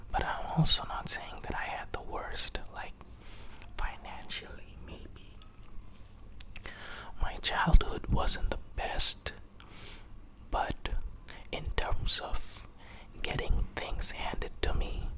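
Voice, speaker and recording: Young vlogger whispering slow, sore throat, breathy n halting, kinda apologetic, just chatting to camera. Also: rough recording. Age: young adult. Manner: hesitant, apologetic, halting phrasing. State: sore throat, coughing, barely able to talk. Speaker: YouTube vlogger. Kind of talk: whispered confessional vlog. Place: small hot room without fan or air conditioning.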